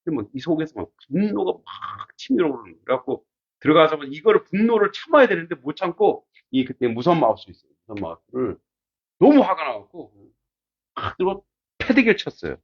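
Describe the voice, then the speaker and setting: A male pastor teaching a classics class in a casual, animated way, asking his students many rhetorical questions. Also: on the high side, a little fast, husky, highs cut off.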